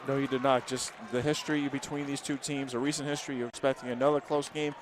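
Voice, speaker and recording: Male color commentator, relaxed analysis. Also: mid-range voice, fast talker, a little hiss or hum. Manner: conversational analysis with hesitant fillers. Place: high school basketball arena.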